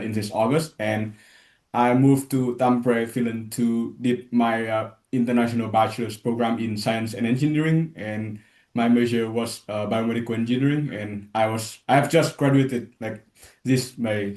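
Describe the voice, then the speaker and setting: A man's voice: mid-range voice, darkish tone. Man in an echoey room. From Vietnam. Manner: casual, many uhs. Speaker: student ambassador. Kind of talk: self-introduction. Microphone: video call. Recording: echoey room on video call.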